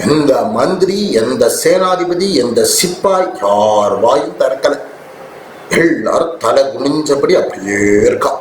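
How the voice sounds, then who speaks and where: A man giving a devotional discourse who tells a story with dramatic feeling and slowly chants verses. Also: medium pitch, lively intonation. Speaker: religious discourse speaker. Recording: roomy, faint ambient noise.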